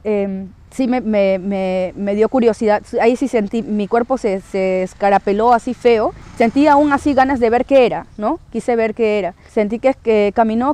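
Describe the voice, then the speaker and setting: A woman's voice: a little high, normal speed, hardly any pauses, warm tone. A woman recounting her own paranormal experience in a hesitant way, with many tag questions and restarts. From Peru. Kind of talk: first-person testimony, casual storytelling.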